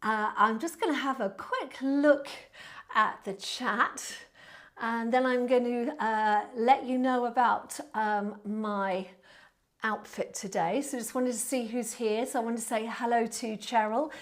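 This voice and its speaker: A woman with a southern English accent chatting casually to viewers as a Pilates instructor, in a warm, friendly, chatty manner. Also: fairly high pitch, a little slow. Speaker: Pilates instructor and online class host. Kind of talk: casual livestream chat to viewers. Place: indoor studio.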